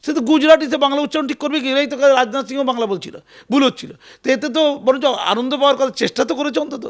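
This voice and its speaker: High-pitched gravelly man, fast. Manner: animated, emphatic, repeats phrases. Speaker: interview guest. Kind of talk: political interview.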